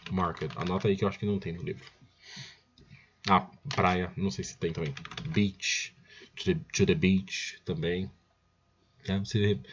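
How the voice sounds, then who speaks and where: A man's voice: deep voice, a little mellow, husky, lo-fi sound. A man with a Brazilian Portuguese accent teaching English, drilling each phrase by repeating it and often calling out to his students. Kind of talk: recorded language lesson.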